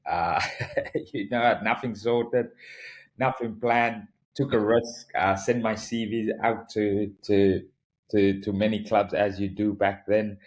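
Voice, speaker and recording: A South African rugby coach with a South African accent appears as a guest on a podcast interview, speaking reflectively in a lowish, steady voice at a slow pace. He often repeats words and laughs.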